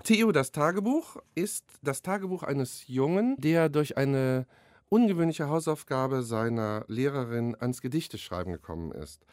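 Hesitant children's author, dry studio sound. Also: male voice, medium pitch, animated, normal speed, a little mellow, no room sound. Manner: hesitant, restarting when speaking freely. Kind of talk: radio interview and reading aloud. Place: radio studio. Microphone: studio microphone.

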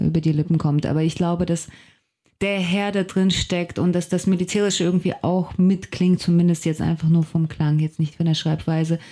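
Warm and somewhat low-voiced, this woman is a novelist and translator whose first language is Russian. Interviewed in a radio studio, she reflects thoughtfully and takes care hunting for words.

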